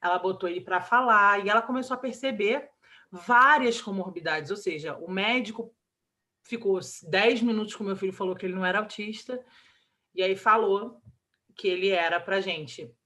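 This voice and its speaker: A woman in her thirties with a Brazilian Portuguese accent talks about her child in a candid personal interview, emotional and halting with many restarts. Her medium-pitched voice sounds pushed and bright.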